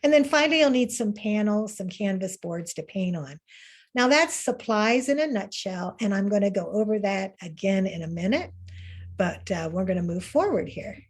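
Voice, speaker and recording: Art teacher, woman, mid-pitched, encouraging and chatty on a video call webinar. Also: expressive, normal speed, breathy edge. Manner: upbeat, encouraging, with fillers and restarts. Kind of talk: webinar lesson.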